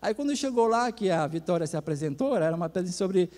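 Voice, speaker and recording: High-voiced pastor in an echoing hall. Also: male voice, lively intonation, fast, a little mellow. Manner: folksy, talks to the congregation directly. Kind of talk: sermon lesson with personal stories. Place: church hall. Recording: long hall reverb.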